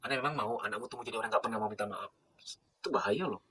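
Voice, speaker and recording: A middle-aged man from Indonesia, a psychologist giving a passionate lecture, animated and swinging between loud pleading and soft hushed asides. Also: on the low side, rapid-fire, a little hiss or hum.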